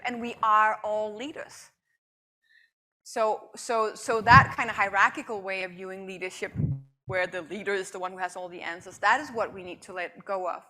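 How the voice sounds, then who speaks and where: Woman keynote speaker fielding questions in a hall, bright and forceful, energetic, stumbles and repeats as she thinks. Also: mid-range voice. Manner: animated, repeats words when restarting. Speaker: conference speaker. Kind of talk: Q&A after a talk. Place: conference hall.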